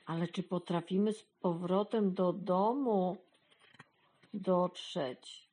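A woman's voice: on the low side, fairly even intonation, takes it slowly, darkish tone, breathy edge. A woman voicing an eager, bold young male kitten in a storybook reading. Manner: coaxing and enthusiastic.

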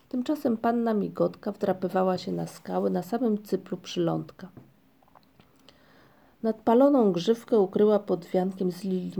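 Woman narrator reading a storybook, gentle and even; gravelly, mellow tone. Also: mid-range voice.

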